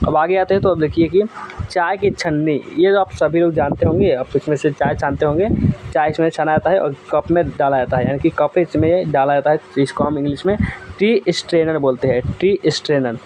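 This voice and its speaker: A man's voice: a little high, steady tone, a little fast, noisy background. A man teaching household vocabulary, naming each item and repeating the word back as a question. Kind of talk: vocabulary lesson.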